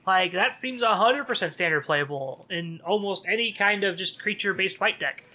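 Bright-voiced man chatting casually. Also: high voice, normal speed. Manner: sarcastic, laughs often. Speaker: podcast co-host. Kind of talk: casual card game chat.

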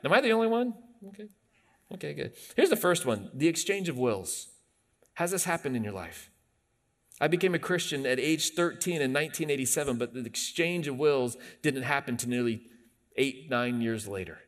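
A man in his forties preaching to his congregation in an easy, talky way, then pushing hard on key lines. His voice sits at an ordinary middle pitch for a man, neither high nor low. He lands his points with sudden emphatic lifts. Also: lively intonation, normal speed. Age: 40s. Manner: conversational preaching, rising to emphatic bursts. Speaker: pastor. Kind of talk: sermon.

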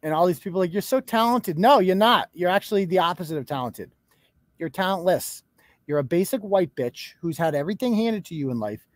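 A man's voice: high voice, animated, fairly quick, dry recording. A man hosting a live show, ranting sarcastically and profanely and mocking people in put-on voices. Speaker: podcast host.

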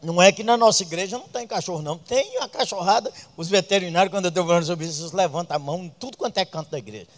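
High-voiced Brazilian pastor preaching with humor. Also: male voice, very fast, hardly any pauses, big-room sound. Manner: humorous preaching with loud outbursts. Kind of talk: sermon.

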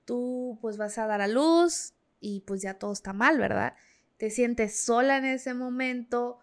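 Woman host, a bit high-pitched, empathetic, gentle interviewer. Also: a little slow. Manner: empathetic, asks gentle questions. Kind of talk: casual interview chat.

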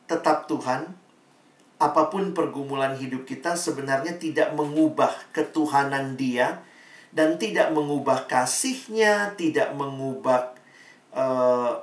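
A man giving a casual sermon, telling stories animatedly and acting out the voices of the people he quotes. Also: on the high side. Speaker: preacher. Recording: roomy sound from a distant mic.

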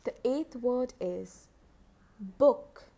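A woman's voice: on the high side, slow pace, vocal fry, mellow. A woman teacher dictating single words and repeating each one for a children's dictation test.

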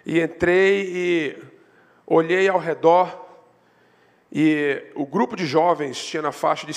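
Brazilian pastor preaching in a reverberant church. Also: male voice. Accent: Brazilian Portuguese. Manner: storytelling, rising in pitch and force when stressing a point. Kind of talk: sermon. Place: church sanctuary. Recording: long hall reverb.

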